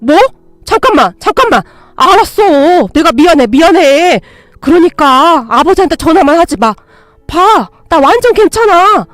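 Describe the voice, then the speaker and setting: A defensive, bickering young husband argues with his wife in a narrated radio story, snapping and raising his voice. A woman storyteller puts him on in her own high register. Dry sound with faint background music. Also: sing-song, normal speed, no echo. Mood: panicked pleading. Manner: bickering, snapping, then pleading.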